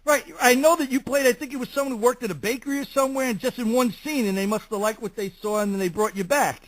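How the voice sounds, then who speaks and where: A man's voice: very high voice, quick pace. A man with a Brooklyn New York accent, hosting a chatty talk show interview.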